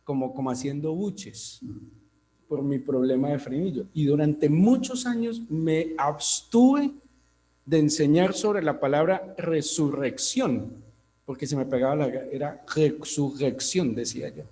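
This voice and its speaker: A man's voice: a little slow, mellow. A man from Colombia with a Colombian accent, preaching a sermon and stressing points with rhetorical questions; a tongue-tie makes his R sound guttural. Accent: Colombian Spanish. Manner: emphatic rhetorical questions, rising to high peaks.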